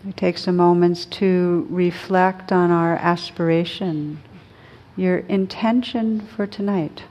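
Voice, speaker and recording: This is a woman leading a guided meditation in a calm, gentle, unhurried manner, with long pauses separating her phrases. Her pitch is fairly low and her intonation fairly even.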